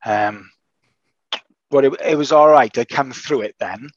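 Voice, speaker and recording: A man recovering from an illness, talking in casual chat as a podcast host, halting and restarting often. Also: mid-range voice, no echo, lo-fi sound. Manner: hesitant, halting with many restarts.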